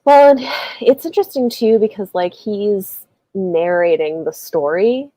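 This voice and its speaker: Hosting a relaxed book chat live over an indoor video call, a woman muses aloud in a wandering way, full of filler words. Her medium-pitched voice is warm and measured, and the recording is dry.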